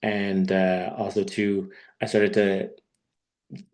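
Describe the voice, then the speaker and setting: A man in his thirties gives a personal talk on a video call. His voice sits very low and stays quite flat. He tells his story haltingly, taking his time. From born in Peru, raised in Quebec, Canada. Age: 30s. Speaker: guest speaker. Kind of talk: personal talk on an online webinar.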